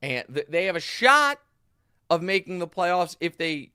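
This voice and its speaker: A man hosting a casual sports talk show, emphatic and animated, often restarting his sentences. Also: high-pitched, a little slow, clean tone, no echo, studio quality. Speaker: host.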